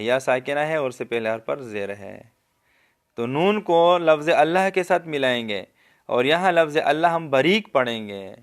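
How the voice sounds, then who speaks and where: A man with a Pakistani Urdu accent teaching tajweed, explaining the rules and then reciting the verses slowly in a raised, melodic voice, often checking whether the listener understood. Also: medium pitch, clear, resonant tone. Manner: asks the listener if they understood. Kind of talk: tajweed lesson with slow demonstration recitation.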